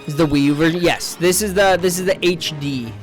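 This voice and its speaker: A man's voice: on the high side, brisk. A young man streaming a game, rambling in casual chat and swearing freely. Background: game music.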